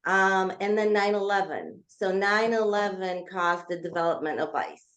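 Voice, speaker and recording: A woman's voice: medium pitch, a bit bright. A woman in her thirties, from Georgia, a guest author telling her life story in an interview with earnest, hesitant phrasing full of ums. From Georgia (former Soviet Union). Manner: earnest, frequent ums, speeds up and slows down. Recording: echoey, dull lo-fi remote audio.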